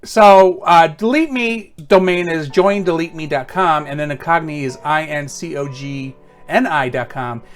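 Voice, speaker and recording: High-voiced man giving casual tech tips. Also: measured pace, soft background music. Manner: conversational, matter-of-fact. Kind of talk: informal how-to explanation.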